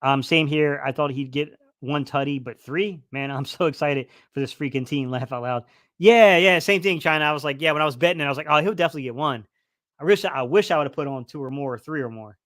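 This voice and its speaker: Slightly high, fast and a bit bright, the voice of a man on a dry, studio-quality recording. He's a sports streamer talking football casually, reading chat aloud, meandering with frequent fillers and restarts, and sounding a little hoarse as his voice wears out.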